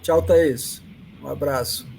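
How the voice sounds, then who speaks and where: A man's voice: mid-range voice, slow pace, vocal fry, a little mellow, poor audio. A Brazilian-accented man hosting an interview in a casual, conversational way. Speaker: interview host. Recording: faint background noise.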